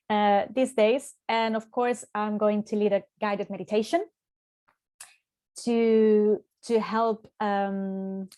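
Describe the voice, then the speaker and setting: Mellow-voiced woman hosting a reflective workshop. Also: mid-range voice. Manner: reflective, searching for words, repeats words as she goes. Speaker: workshop host and spiritual coach. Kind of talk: live online workshop talk.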